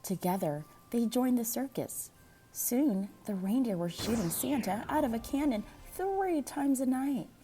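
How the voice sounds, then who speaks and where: A woman with a slightly high voice reads a picture book to children in a lively yet measured style, pausing dramatically the way a school librarian would. Soft music plays in the background.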